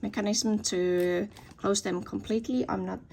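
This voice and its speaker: A woman's voice: mid-range voice, steady tone, normal speed, creaky, a little mellow. A woman giving a casual tour of her indoor plants, thinking aloud and often correcting herself. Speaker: hobby plant grower showing her collection. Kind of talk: casual show-and-tell video tour. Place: indoor plant growing space.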